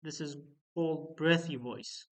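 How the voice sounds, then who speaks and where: A male university lecturer, a native Kurdish speaker, explaining phonetics slowly with frequent fillers. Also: a little high, rough recording.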